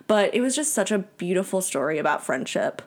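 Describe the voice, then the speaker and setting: A woman's voice: medium pitch, big pitch swings, brisk. Young woman chatting on her podcast, rambly, lots of likes. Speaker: podcast co-host. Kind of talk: casual chat.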